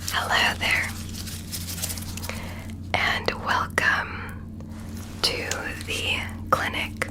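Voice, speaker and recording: A woman whispering soothing, deliberate instructions as a doctor in an ASMR roleplay.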